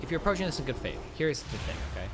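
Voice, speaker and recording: Lively, pushy man arguing a point. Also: a little high, very fast, very noisy. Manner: pushy, lecturing, rhetorical questions. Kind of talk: heated argument.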